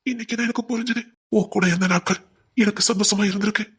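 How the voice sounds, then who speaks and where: A husky, breathy voice voices a remorseful husband in an audio drama, as an actor plays him. He has a Tirunelveli Tamil accent and pleads and apologizes with deep feeling. His pitch sits in a middle range. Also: steady tone, fast talker, lightly acted. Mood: tearful. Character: remorseful short-tempered husband.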